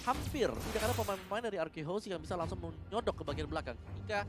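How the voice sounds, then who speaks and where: Indonesian man, analytical esports commentary, slightly high voice, very loud music behind. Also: expressive, fast talker. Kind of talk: analytical live match commentary.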